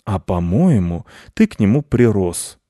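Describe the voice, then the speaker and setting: A man's voice: fairly low pitch, very animated, measured pace, dark tone, dry recording, clean studio sound. A man voicing a lazy, self-important male house cat who lectures in a storybook reading. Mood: lecturing. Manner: pompous and lecturing.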